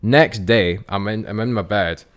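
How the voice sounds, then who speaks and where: Young man, podcast co-host, very low voice, rambling anecdotes, many restarts. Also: a little slow. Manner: rambling storyteller, many restarts, acts out his own quotes. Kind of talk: casual chat.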